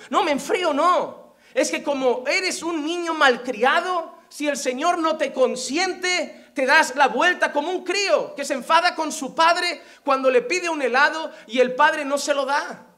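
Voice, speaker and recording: High bright-voiced preacher. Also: male voice. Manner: emphatic, rhetorical questions, mimics complainers. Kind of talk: sermon.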